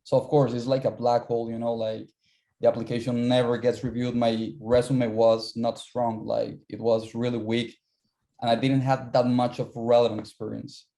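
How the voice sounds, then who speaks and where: Mellow young man. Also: medium pitch, flat delivery, normal speed, vocal fry. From Colombia. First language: Spanish. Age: young adult. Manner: casual, repeats words while searching for them. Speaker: interview guest, university finance student. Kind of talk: casual interview.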